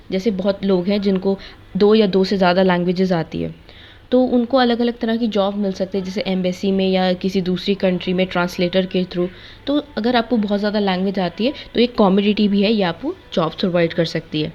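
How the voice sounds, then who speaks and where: A woman's voice: mid-range voice, steady tone, moderate pace, a little mellow. A young woman, explaining course topics point by point. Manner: mixes Hindi and English, lists points one by one. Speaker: B.Ed. course teacher. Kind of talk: explanatory lecture. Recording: slightly dull lo-fi recording.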